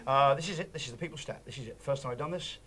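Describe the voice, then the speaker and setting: A man's voice: medium pitch, racing. A man hosting a breakfast TV stats game, playful and exclamatory. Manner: playful, exclamatory, laughing often. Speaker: TV host. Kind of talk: lively studio game segment. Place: TV studio with audience. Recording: loud studio crowd. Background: crowd.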